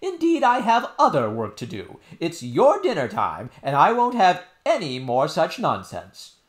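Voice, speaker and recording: A man voicing a fussy, easily offended woman nurse, loud and drawn out, in a storybook reading. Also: on the high side, huge pitch swings, unhurried, pitched above the performer's own voice. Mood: vexed. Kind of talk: audiobook character voice.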